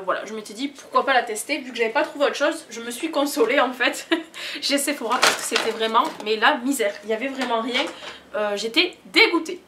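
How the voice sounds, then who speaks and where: A woman's voice: on the high side, noisy background. A young woman chatting enthusiastically in a casual haul vlog, gushing as she shows what she bought. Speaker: beauty vlogger.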